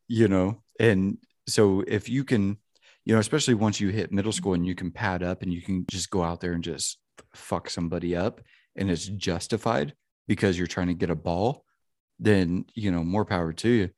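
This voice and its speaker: Deep-voiced man in his thirties, rambling. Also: normal speed, darkish tone, no echo, studio quality. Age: 30s. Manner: rambling, profane, frequent "you know what I mean". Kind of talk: casual chat.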